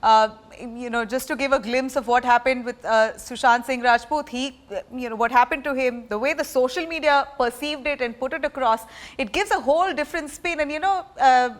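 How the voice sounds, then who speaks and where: A woman's voice: high voice, a little fast. A woman with an Indian accent asking questions as the interviewer in a casual celebrity chat.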